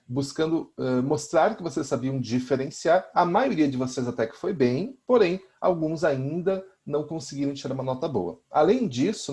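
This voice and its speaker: Lively Brazilian teacher with a mellow voice. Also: male voice, mid-range voice. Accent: Brazilian Portuguese. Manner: explains step by step, often checks in with the class. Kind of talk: recorded lesson for students.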